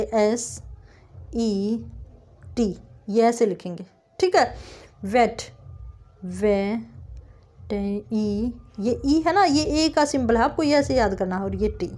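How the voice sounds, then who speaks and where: A woman with a high, light voice teaches phonetic transcription in an online lesson. She explains each step patiently and checks in with her viewers often. She stretches out example words slowly so they can be heard clearly. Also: animated, warm tone. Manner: explains step by step, often says "thik hai friends".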